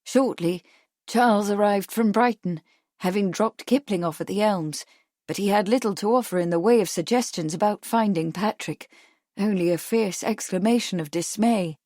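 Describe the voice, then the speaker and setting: A woman reading a mystery audiobook as narrator in a measured, even way. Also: mid-range voice, no echo, clean studio sound. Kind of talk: scripted narration.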